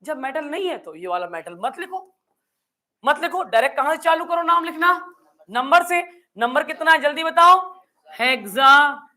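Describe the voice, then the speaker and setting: Teaching chemistry in a classroom, a woman with a Hindi accent speaks at a moderate pace in a high, bright, forceful, expressive voice. She quizzes students, supplies the answers herself, and mimics puzzled learners in playful asides.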